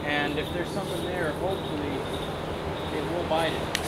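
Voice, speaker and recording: A young man with a slightly high voice and fairly even intonation speaks at a normal speed, chatting casually to the camera as he fishes on a riverbank for his fishing vlog. He explains his baits with lots of filler words, recorded on a clip-on lapel mic with outdoor noise in the background.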